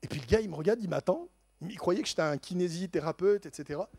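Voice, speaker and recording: A man telling a lively faith testimony in an animated way, laughing often and stammering into quick repeats. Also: sits high, breathy edge, dry recording, studio quality.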